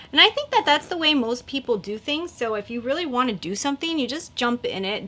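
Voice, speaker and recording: With a fairly high, somewhat bright voice, this woman in her thirties is a beauty vlogger. She rambles casually as she applies makeup, dropping lots of likes and filler words.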